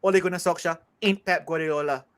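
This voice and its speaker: A Malaysian English-accented man on a football fan panel, voice pitched high. He speaks with exasperated emphasis and repeats himself for force. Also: steady tone, brisk, fairly bright tone. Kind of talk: passionate fan rant.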